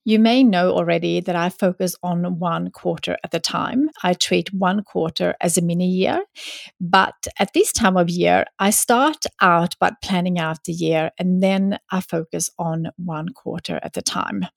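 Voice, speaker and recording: An upbeat woman hosts a solo advice podcast in a tidy, organised manner. Her voice sits a little low with a noticeable creak, recorded close and dry. She speaks straight to the listener in an encouraging way. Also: unhurried, no room sound. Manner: encouraging, addresses listener directly. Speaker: podcast host.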